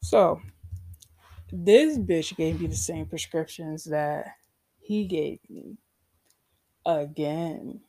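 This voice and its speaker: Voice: medium pitch, extremely slow, pauses often, warm tone, no room sound, studio quality. Podcast host, solo rant: blunt, heavily profane, sarcastic asides to the audience, mid-range voice. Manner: blunt, profane storytelling that acts out past conversations; sarcastic, addresses listeners directly.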